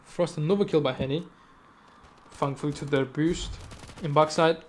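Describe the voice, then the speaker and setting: A male esports caster calls a live match in rapid play-by-play, stumbling over words and correcting himself as he goes. His voice sits slightly higher than most men's, and he breaks off into casual asides between the action. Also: a little hiss or hum. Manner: rapid, self-correcting, chatty asides, sudden excited outbursts.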